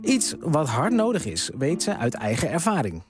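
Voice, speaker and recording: A man reading a scripted radio report in a calm, measured way. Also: fairly high pitch. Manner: calm, measured read-out narration. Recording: narration over background music.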